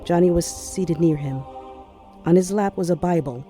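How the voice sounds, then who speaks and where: A woman reads a story aloud in an earnest, solemn tone. Her voice sits low, and music plays steadily behind her. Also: moderate pace. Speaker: narrator. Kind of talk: story reading.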